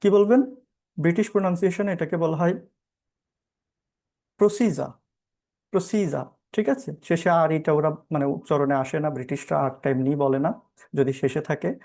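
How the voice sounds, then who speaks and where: A man's voice: fairly high pitch, fairly quick, a little mellow. A man with a Bangladeshi accent giving a law lecture, explaining step by step, asking questions and answering them, with English terms mixed in. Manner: explanatory, asks and answers his own questions; mixes English legal terms into speech. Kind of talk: classroom-style lecture.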